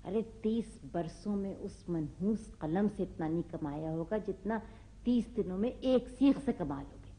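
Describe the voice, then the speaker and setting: An actress playing a sarcastic, sharp-tongued middle-aged mother who scolds her family. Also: mid-range voice, animated, a little slow, close to an everyday voice. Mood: mocking. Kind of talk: TV drama acting.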